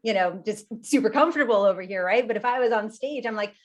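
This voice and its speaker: A woman giving a live online workshop over a video call, talking in a lively, conversational way while standing. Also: medium pitch, fast talker. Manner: lively and conversational, laughs often; talks while standing and gesturing. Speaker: workshop presenter.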